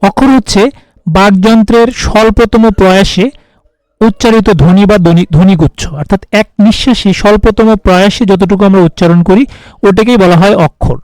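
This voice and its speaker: High-voiced man teaching grammar, dry sound. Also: a little fast, dry recording, poor audio. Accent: Bangladeshi Bengali. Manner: steady, methodical, reads out answer options one by one. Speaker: teacher solving exam questions. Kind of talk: recorded lesson, reading questions and explaining answers.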